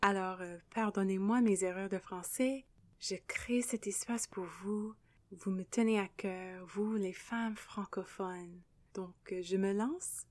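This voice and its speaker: A young Canadian woman hosts a gentle, earnest devotional podcast, speaking French as a non-native with an English-speaking accent. Her mid-range voice is steady and unhurried, recorded with no room sound.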